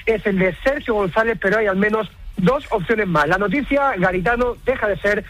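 A man's voice: high-pitched, moderate pace, fairly bright tone, low-quality recording. A man with an accent from Spain gives a breaking sports news report on the radio, repeating the key line for emphasis.

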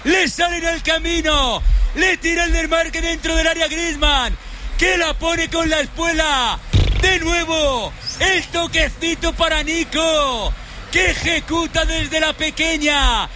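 A man from Spain with a Castilian accent shouts breakneck football goal commentary on the radio, with repeated, insistent goal cries. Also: very high voice, slow pace, slight background noise.

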